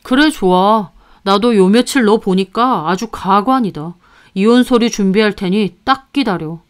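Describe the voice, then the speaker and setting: A woman's voice: medium pitch, measured pace, clean tone, natural voice. A woman voicing a cold, dismissive husband who belittles his wife. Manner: curt and dismissive. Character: cold, belittling husband, young adult man.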